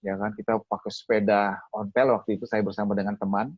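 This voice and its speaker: A man's voice: on the low side, quick pace, gravelly, slightly rough, dry recording, lo-fi sound. Man telling a vivid testimony. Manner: lively storyteller, acts out his own past words. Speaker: speaker at a theology school webinar. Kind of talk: personal testimony storytelling.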